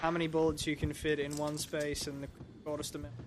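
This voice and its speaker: A man's voice: a little high, completely flat delivery, brisk, background noise. A man giving rambling, offhand commentary while playing a video game. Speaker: let's play commentator. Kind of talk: casual gameplay commentary. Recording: loud game music and sounds behind. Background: game music and sounds.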